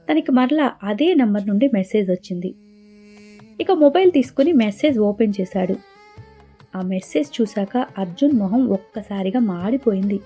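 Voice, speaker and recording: A woman narrating a romance audio story in a steady, dramatic storytelling manner. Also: medium pitch, breathy edge. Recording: dull lo-fi with faint music.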